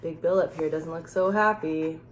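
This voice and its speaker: A teacher with a low voice reads a storybook aloud to young children at a moderate pace, expressive and playful, gasping and exclaiming and adding simple explanations, questions and asides. The audio is dull with a little hiss or hum.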